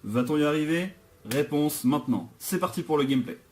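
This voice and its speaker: A man's voice: a little high, expressive, fairly quick, a little mellow, a little hiss or hum. A man giving let's play commentary, nervous and jokey, often restarting his sentences. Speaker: gaming channel host.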